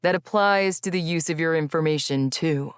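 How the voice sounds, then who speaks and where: A woman voicing a huge, calm male Fae who speaks in a low, relaxed, reassuring way. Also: normal speed, smooth, no room sound, clean studio sound, close to an everyday voice.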